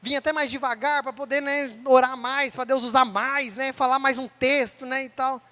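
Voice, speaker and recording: A man's voice: very high voice, fairly even intonation, normal speed, pushed and bright. A young man preaching a sermon in church, telling a personal story and acting out the voices of the people in it. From Brazil.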